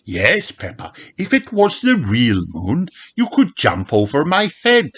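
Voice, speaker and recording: A man's voice: mid-range voice, huge pitch swings, a little slow, a bit bright, husky, voice pushed up, full character voice. A man voicing an earnest, serious male rabbit tour guide in a children's storybook. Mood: explaining.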